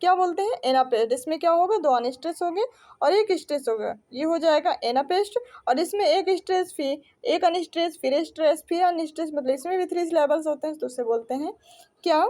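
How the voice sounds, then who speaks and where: A young Indian woman with a very high yet mellow voice teaches an exam-prep English lesson. She reads each question slowly, then keeps asking and answering her own questions. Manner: reads questions slowly, then explains in Hindi with repeated quiz-like questions.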